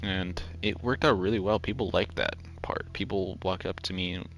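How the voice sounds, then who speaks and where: Brief: young adult man, deep and gravelly, thoughtful game commentary with faint music under it. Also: steady tone, moderate pace, a bit bright. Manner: musing, restarts sentences often. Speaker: gamer comparing game and show. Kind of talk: casual playthrough commentary.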